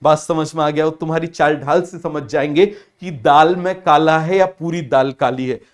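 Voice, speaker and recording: Lively male biology teacher. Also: on the high side, normal speed. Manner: lively, asks the class often; acts out family scenes in other voices. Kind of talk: biology lecture with comic examples.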